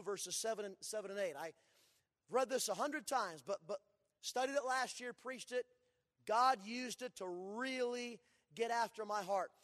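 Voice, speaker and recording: A man in his forties preaching a sermon in a church, telling folksy stories and swinging from loud to hushed. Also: high voice. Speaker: pastor. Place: church sanctuary. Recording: long church reverb.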